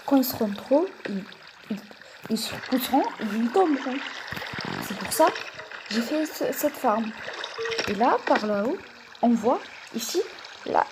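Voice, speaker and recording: A woman giving a casual, hesitant walkthrough of her game build, explaining each step to her viewers. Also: fairly high pitch. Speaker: gamer showing a build. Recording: noisy home recording with clicks.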